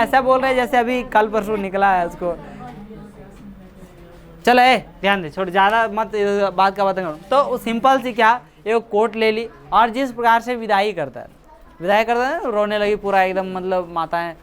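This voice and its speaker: A man's voice: high-pitched, a bit bright. A man teaching a class, chatty and joking, teasing and scolding his students. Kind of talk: classroom lecture explaining a story.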